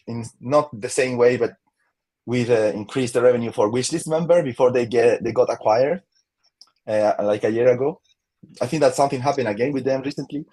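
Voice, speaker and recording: A man's voice: medium pitch, mellow. A man from Chile with a Chilean Spanish accent, a guest in a casual interview, talking with many fillers and restarts and laughing easily.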